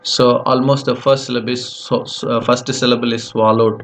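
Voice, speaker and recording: A man with a Tamil accent teaching English vocabulary, repeating each word slowly to show how it is said. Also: medium pitch, little pitch movement, fairly bright tone. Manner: slow, repeats words for pronunciation, mixes Tamil and English. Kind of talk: vocabulary lesson.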